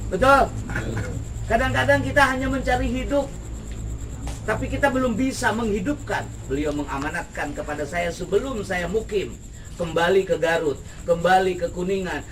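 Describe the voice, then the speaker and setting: A man preaching a sermon to an evening gathering. He asks his listeners questions and leads them in call-and-response. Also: high voice. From West Java, Indonesia. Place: outdoor evening gathering with a crowd. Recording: distant mic with background noise.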